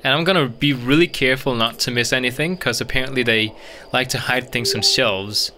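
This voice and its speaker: A man's voice: medium pitch, brisk, bright, forceful tone. A man giving casual let's play commentary as a gaming streamer, thinking aloud in a chatty, rambling way.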